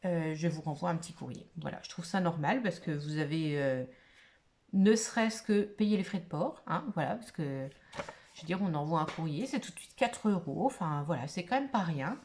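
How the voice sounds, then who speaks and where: A woman's voice: sits low, animated, normal speed, a little mellow. A woman vlogger opening craft mail in a casual chat to camera, gushing and exclamatory, full of little fillers.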